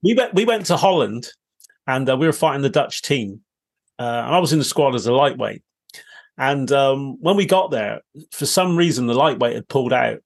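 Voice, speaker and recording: Animated man swapping stories. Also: mid-range voice, moderate pace, creaky. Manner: animated anecdotes, laughing, mimicking voices. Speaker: interviewer. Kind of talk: casual chat.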